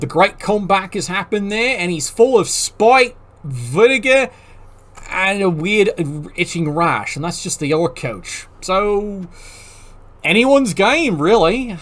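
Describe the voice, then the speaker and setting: High-voiced man with sardonic, profane banter. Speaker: league commentator. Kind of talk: casual league roundup commentary.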